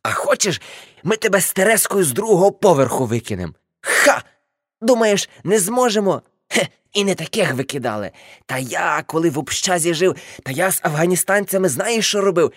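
A woman's voice: fairly low pitch, animated, normal speed, no room sound, clean studio sound, voice pushed up. A woman voicing an older man, a boastful ex-hippie uncle, telling rambling brash stories in an audiobook. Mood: brash tipsy.

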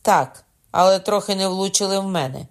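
A man reading an audiobook, voicing a hot-blooded young nobleman who shouts, raised in pitch. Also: normal speed, clear, resonant tone. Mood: fierce, shouting. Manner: loud, shouting, fired up.

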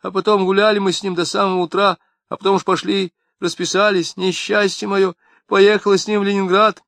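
A plaintive young wife with speech, her voice pushed high and strained with grievance, as a male reader puts her on. The recording is close and dry. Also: level tone, brisk, vocal fry, fairly bright tone, no echo. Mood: tearful. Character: young woman, tearful, quick-tempered, southern speech.

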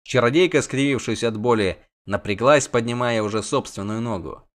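A man narrates a fantasy audiobook at a medium pitch. He keeps an even, steady storytelling pace. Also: moderate pace. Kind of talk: scripted narration.

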